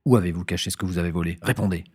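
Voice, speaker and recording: A man with a deep voice playing a surly, aggressive museum guard who barks accusations in an audiobook. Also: steady tone, moderate pace, slightly rough. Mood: accusing. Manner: barking, accusing. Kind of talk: audiobook character voice.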